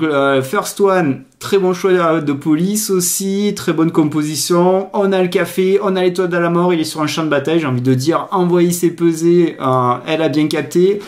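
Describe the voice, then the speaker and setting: A man walks through a software tutorial in a loose, chatty way. His voice sits a little high for a man, and he fills gaps with small hesitations while his pace keeps shifting. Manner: chatty, filler-heavy, uneven pace. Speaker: tutorial host. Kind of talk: casual screen-recorded tutorial.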